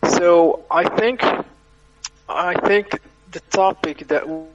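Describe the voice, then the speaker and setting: A man's voice, fairly high for a man, breaks up into choppy fragments as his connection drops and clips his endings. He speaks slowly and haltingly, repeating words, from a mic set some way off. A faint noise sits under the call. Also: far from the mic, lo-fi sound. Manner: halting, repeats words while searching for them. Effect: choppy audio that cuts out with clipped endings from a bad connection. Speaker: guest on an online talk show. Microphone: computer mic on a call.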